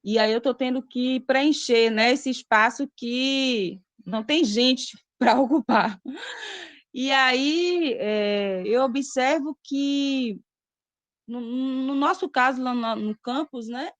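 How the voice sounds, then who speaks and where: A woman's voice: high voice, takes it slowly, dry recording. A woman student from Brazil speaking up in an online class discussion, talking conversationally with frequent tag questions. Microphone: video call.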